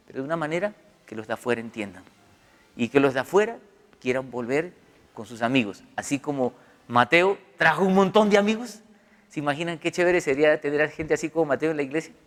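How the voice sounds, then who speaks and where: Middle-aged male pastor, conversational sermon, slightly high voice, long hall reverb. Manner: conversational, animated storytelling with acted quotes.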